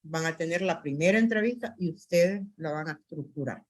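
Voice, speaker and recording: A woman's voice: deep voice, brisk. A woman lecturing an online university class, going through items one by one in a methodical way with frequent hesitation fillers, on a computer mic over a video call.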